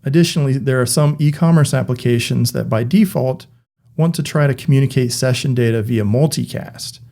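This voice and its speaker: A man teaching a recorded cloud computing lesson. His voice sits at an ordinary middle pitch, and he explains in a clear, steady way. Now and then he slips in a dry joke. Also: a little fast. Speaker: course instructor. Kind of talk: recorded tech lecture.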